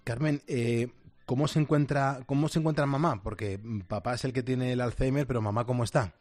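Mellow-voiced male radio host. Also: mid-range voice, fairly even intonation, brisk, no room sound. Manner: gently encouraging, sympathetic listener. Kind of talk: radio phone-in conversation. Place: radio studio. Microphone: studio mic.

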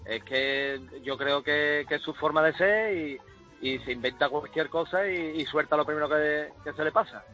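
A man's voice: a little high, normal speed, dull audio, over music. A man calling a radio show, often repeating his words three times. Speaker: caller. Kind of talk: answering a host on a call-in show.

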